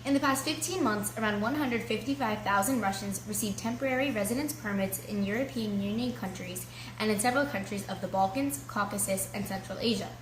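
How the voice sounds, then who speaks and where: A woman's voice: medium pitch, a little fast. An echoey room surrounds this woman, a news reporter with a mid-range voice. She delivers scripted news and interview questions, with faint noise behind her.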